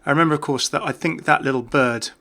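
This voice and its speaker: This man's off-the-cuff game commentary comes in a high-leaning, bright, forceful voice delivered quickly. Chatty and enthusiastic, he lights up over minor details.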